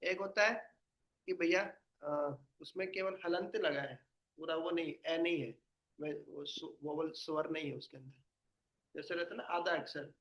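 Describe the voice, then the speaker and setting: A man's voice: on the high side, normal speed, a bit bright, lo-fi sound. A man leading a devotional study session, explaining patiently and quizzing his listeners with questions. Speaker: spiritual teacher.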